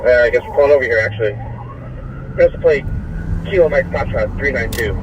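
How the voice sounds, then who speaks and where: A man's voice: mid-range voice, fast. Police guy talking over the walkie, clipped code numbers, dull muffled sound, road noise underneath. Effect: heard over a police two-way radio. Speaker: police officer on patrol. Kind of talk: terse radio call-outs with code numbers. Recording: muffled radio audio with loud traffic noise.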